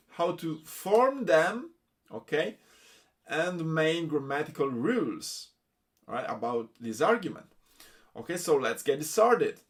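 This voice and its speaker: Lively man teaching a slow English lesson. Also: a little high, recorded from a distance. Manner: encouraging, asks students by name, many okays. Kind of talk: classroom grammar lesson.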